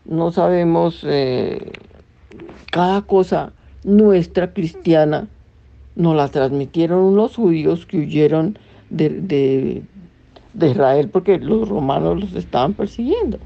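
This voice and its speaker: Woman religious teacher, low and mellow, conversational lecture with read-aloud passages, dull lo-fi recording. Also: slow pace, gravelly. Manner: conversational, explanatory, with asides to listeners. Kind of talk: religious talk with read-aloud apparition messages.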